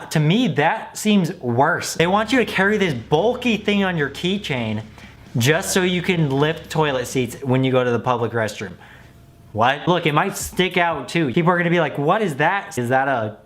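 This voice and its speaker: A man's voice: a little high, fairly bright tone. A man giving casual, joking commentary as a video host, critical and mocking in manner. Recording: music playing behind the voice. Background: background music.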